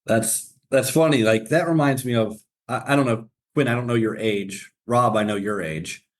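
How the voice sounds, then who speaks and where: A man's voice: medium pitch, normal speed. A man from southwestern Pennsylvania hosting a running podcast, asking casual questions and often restarting them. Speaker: podcast host.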